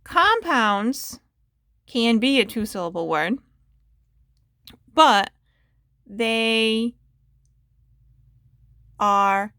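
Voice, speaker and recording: A woman teacher takes young children through a phonics lesson at an unhurried pace, breaking each word into its parts and sounding them out one by one. She speaks patiently and checks in with questions for the listener. The recording is dry and close, with no room sound. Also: on the high side, animated, fairly bright tone, no room sound.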